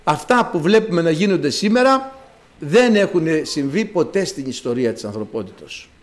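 In a somewhat high, sing-song voice, a man delivers an emphatic sermon full of repeated phrases. Along the way he reads scripture passages aloud in archaic Greek.

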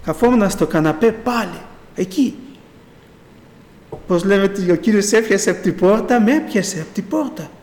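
A man's voice: high-pitched, expressive, pauses often, a little mellow. A middle-aged man giving a rambling personal faith testimony at church, repeating "I say" again and again as he retells. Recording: echoey hall with long reverb.

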